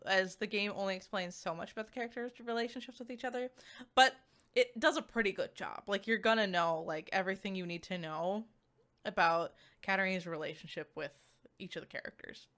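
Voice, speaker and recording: A female video game reviewer and streamer gives a casual, chatty spoken review with slides, her mid-range voice clear, resonant and a bit bright. Her informal commentary sounds unscripted, halting and full of fillers, especially "like."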